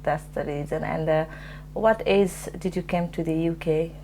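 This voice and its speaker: A woman's voice: low voice, fairly even intonation, moderate pace, mellow, a little hiss or hum. A woman interviewing for an oral history, asking plain questions with some non-native phrasing.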